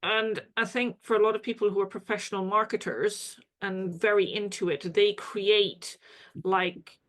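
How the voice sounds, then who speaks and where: A woman's voice: mid-range voice, steady tone, moderate pace, a bit bright. A woman practitioner being interviewed, reflecting candidly and retelling her own experiences. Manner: reflective, candid, tells stories with quoted asides. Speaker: kinesiology practitioner, guest. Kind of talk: conversational interview.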